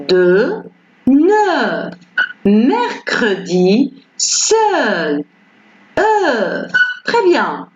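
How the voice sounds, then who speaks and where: A woman teaching beginners French pronunciation, patiently repeating each word slowly and clearly; her first language is Arabic. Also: fairly high pitch, darkish tone, slight background noise. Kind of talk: slow beginner pronunciation lesson. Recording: roomy, slightly dull recording with faint ambience.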